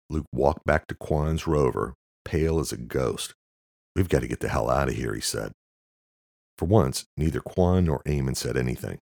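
A man narrating an audiobook in a wry, deadpan way. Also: a bass voice, gravelly, no echo, clean studio sound.

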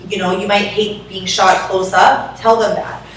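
A chatty, emphatic woman talks shop as an event planner, laughing easily. Her voice sits at an ordinary pitch. It rings around a very echoey room from a mic set some way off, with faint noise underneath. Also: flat delivery, a little slow, recorded from a distance. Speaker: event planner, podcast co-host. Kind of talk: casual chat.

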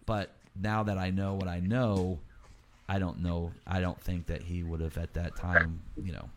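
A man chatting casually and reflectively, with hesitant, halting phrasing. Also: low voice, level tone, very noisy.

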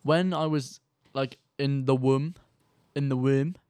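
A man's voice: medium pitch, fairly even intonation, takes it slowly, darkish tone, clear, resonant tone, no echo. A young man from Wales, a podcast guest, chatting casually in a slangy, profane, rambling way. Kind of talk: casual chat.

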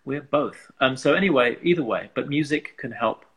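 A man from England with an English accent and a gravelly, slightly husky voice, talking earnestly and reflectively as an interview guest, working out thoughts in broken phrases. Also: mid-range voice, moderate pace, highs cut off. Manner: earnest, searching, thinks aloud in broken phrases. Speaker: interview guest, musician and artist.

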